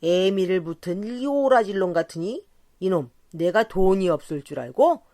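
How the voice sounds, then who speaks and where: A woman voicing a rowdy, drunken middle-aged rickshaw puller in an audiobook, shouting and cursing with slurred speech. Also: mid-range voice, expressive, unhurried, no room sound, studio quality. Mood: drunken bellowing. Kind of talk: audiobook character voice.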